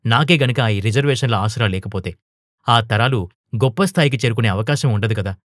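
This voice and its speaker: A man's voice: mid-range voice, brisk, fairly bright tone, no echo, clean studio sound, natural voice. A man voicing an outspoken young woman teacher in an audio storybook, earnest and turning heated. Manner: earnest, rising to heated protest.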